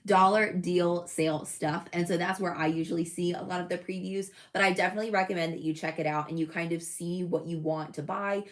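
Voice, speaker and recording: Chatty, fairly low-pitched woman streamer. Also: fairly even intonation, fast talker, hardly any pauses. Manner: chatty, self-correcting, laughs at own slips. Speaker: crafting channel host. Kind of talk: casual livestream chat.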